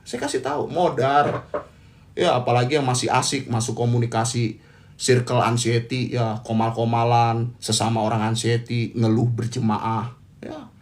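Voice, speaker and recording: A man's voice: medium pitch, level tone, normal speed. Blunt man giving a motivational talk. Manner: blunt, repetitive, teasing slang. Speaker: host giving talks on anxiety. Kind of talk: motivational monologue.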